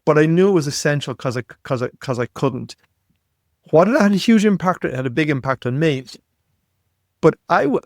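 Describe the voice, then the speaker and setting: A man's voice: mid-range voice, no room sound, clean studio sound. A middle-aged man hosting a podcast interview, telling a story earnestly, with many restarts. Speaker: podcast host. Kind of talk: conversational interview.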